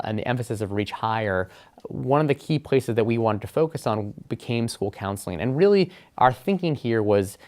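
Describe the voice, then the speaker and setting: A man's voice: on the low side, darkish tone. A man answering interview questions in a webinar, explaining education policy in an earnest way with frequent fillers.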